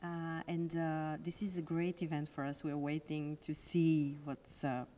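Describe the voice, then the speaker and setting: A woman's voice: low-pitched, little pitch movement, a little slow, warm tone. A woman with a Bulgarian accent conducting an informal interview in English as a non-native speaker, searching for words as she goes. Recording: noticeable background noise.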